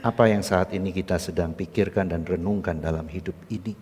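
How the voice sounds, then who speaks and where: A man pastor with an East Javanese accent preaching a storytelling sermon, often acting out dialogue with big jumps in pitch. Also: steady tone, fairly quick, a little mellow, a little hiss or hum. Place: church sanctuary. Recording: echoey church hall.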